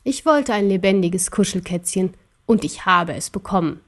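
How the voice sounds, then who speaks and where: A woman's voice: medium pitch, animated, voice pushed down, close to an everyday voice. A woman reading a storybook aloud, voicing an ancient emperor who speaks through a cuddly cat with a hard, cold, mocking voice. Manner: slow, mocking, commanding.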